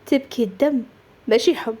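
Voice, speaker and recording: A woman's voice: fairly high pitch, brisk, dark tone, lightly acted. A woman voicing a lovesick young woman in a told story, pleading and earnest. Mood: tearful, pleading.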